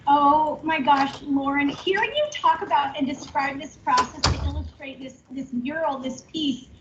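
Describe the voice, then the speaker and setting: A woman's voice: high voice, normal speed, background noise. A woman hosting on a video call, gushing and effusive as she thanks her guests. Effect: heard over a video call. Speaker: host. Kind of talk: enthusiastic event hosting. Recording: distant muffled video call audio.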